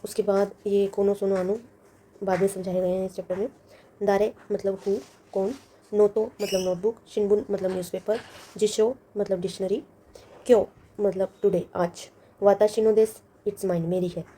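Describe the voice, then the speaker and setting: A woman's voice: mid-range voice, little pitch movement, moderate pace, mellow, a little hiss or hum. A woman teaching a language lesson, patiently explaining and repeating each word with its meaning. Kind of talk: lesson walkthrough.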